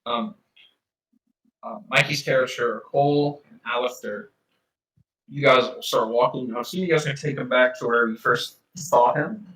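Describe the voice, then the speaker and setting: A man narrating as game master in a halting way, stopping and restarting often. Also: mid-range voice, a bit bright. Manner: halting, full of restarts and fillers. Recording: echoey room, mic far off.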